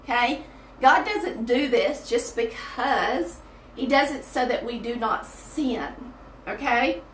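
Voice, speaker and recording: A woman with a fairly high, slightly bright voice talks slowly through a folksy, chatty livestream Bible study, addressing viewers directly. She's indoors in a small tiled bathroom, off-mic and distant, so her words echo hollowly with a faint hiss behind them.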